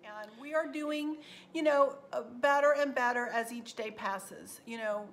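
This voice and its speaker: A woman, chatting warmly to viewers in a home vlog from her kitchen and often repeating words for emphasis. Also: on the high side, measured pace. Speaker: vlogger.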